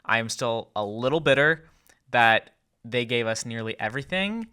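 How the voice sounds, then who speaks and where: A young man co-hosting a podcast, chatting in quick animated rambling bursts. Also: mid-range voice, smooth. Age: young adult. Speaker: podcast co-host. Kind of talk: casual chat.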